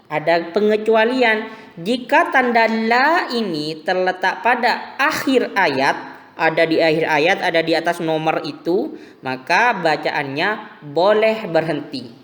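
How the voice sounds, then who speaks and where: A man teaching a recorded religion lesson to primary school pupils, explaining slowly and patiently. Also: high voice, lively intonation, fairly bright tone, big-room sound. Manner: slow, patient explaining to children.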